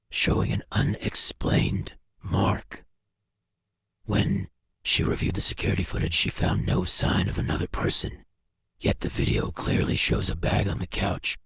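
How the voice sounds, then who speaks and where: Deep gravelly man narrating spooky clips. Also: a bit bright, dry recording. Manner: dramatic, suspenseful storytelling. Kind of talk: scripted narration of paranormal clips.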